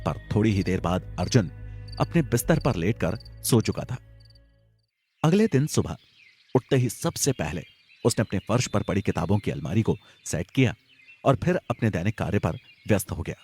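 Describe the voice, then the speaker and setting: A man narrating a Hindi horror audio story in a steady, suspenseful storytelling manner. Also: lowish voice, moderate pace, breathy edge. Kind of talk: scripted storytelling. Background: faint music and crickets.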